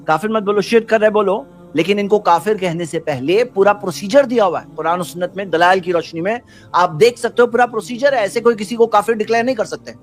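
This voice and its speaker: A man's voice: high voice, soft background music. A man giving an earnest religious talk who keeps asking rhetorical questions and quotes Arabic before explaining it. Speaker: Islamic preacher.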